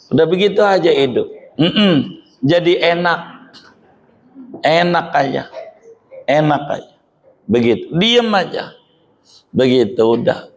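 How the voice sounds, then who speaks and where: A man giving a joking, colloquial Islamic study sermon to a gathering. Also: on the high side. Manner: joking, colloquial Jakarta slang. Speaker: religious teacher.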